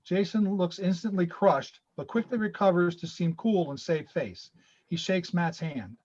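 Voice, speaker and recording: A narrator reads screenplay stage directions, his voice a bit higher than most, steady and matter-of-fact at a measured pace. Coming through a video call, the audio sounds dull and lo-fi.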